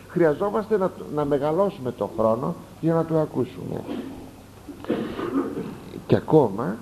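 Animated man preaching a sermon. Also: medium pitch, slight background noise, low-quality recording. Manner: animated, rising sharply for emphasis, explanatory asides. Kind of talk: sermon expounding a text.

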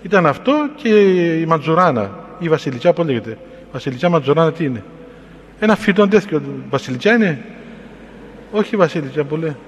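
A Cypriot-accented clergyman preaching through a personal anecdote, his voice sitting a little high for a man. He talks in an unhurried, reflective way. The sound trails off in a long hall reverb. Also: animated, slightly rough, lo-fi sound. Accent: Cypriot Greek. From Cyprus. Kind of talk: sermon-style personal storytelling.

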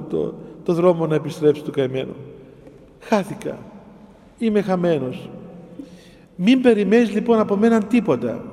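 A man preaching in a hall with a long echo, his voice high yet dark and mellow. He reads a verse, then explains it phrase by phrase, circling back and repeating himself with pauses. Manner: explains scripture line by line, repeating and pausing. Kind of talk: sermon on a psalm.

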